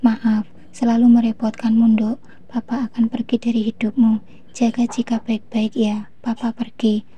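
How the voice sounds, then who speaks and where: Frail tearful father-in-law, read by a woman in a storybook; soft, apologetic, husky. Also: fairly high pitch, monotone, normal speed.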